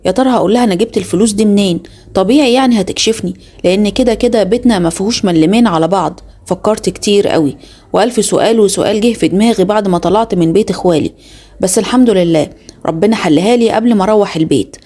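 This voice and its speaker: A young woman with an Egyptian accent tells a first-person story at a very rapid pace. Her voice is dark and mellow, and her delivery is confiding and dramatic, like an inner monologue. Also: mid-range voice. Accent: Egyptian Arabic.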